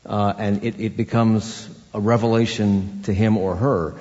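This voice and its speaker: A man hosting an interview, asking long, measured questions. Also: lowish voice, little pitch movement, warm tone. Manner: measured, reads quotes, asks long questions. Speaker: interviewer, host. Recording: dull sound with long reverb.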